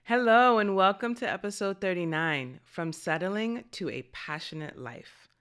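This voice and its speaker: A woman in her forties hosting a podcast, reading a scripted intro and then chatting with a bubbly, animated manner. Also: mid-range voice, measured pace, smooth. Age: 40s. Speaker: podcast host.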